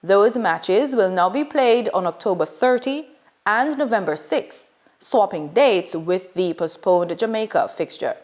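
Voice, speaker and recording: A woman's voice: medium pitch, lively intonation, darkish tone. Woman reading the news. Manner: measured scripted delivery. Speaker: news anchor.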